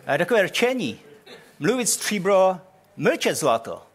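An older man preaching a sermon in a hall, telling the story in an animated way and acting out the quotes. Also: high voice, breathy edge.

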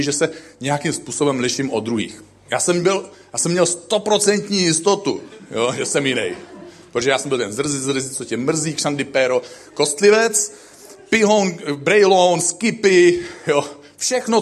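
A middle-aged man giving a sermon, telling jokey self-deprecating stories about himself and swinging between loud emphatic lines and quiet low asides. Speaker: preacher. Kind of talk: sermon with humorous personal stories.

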